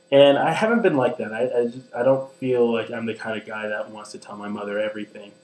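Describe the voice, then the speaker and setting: Earnest, hesitant young man, low flat voice. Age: 20s. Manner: earnest, hesitant, many ums and restarts. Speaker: vlogger. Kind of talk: personal confessional vlog. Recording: echoey room with mains hum.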